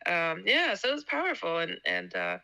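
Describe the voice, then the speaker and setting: Woman guest rambling thru a story, gravelly edge, stutters a lot, acts out the quotes. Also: fairly low pitch, wildly swooping pitch, normal speed, bright, forceful tone, poor audio. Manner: stammers and repeats words, acts out quotes; laughs often between sentences. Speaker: guest author. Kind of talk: casual storytelling interview.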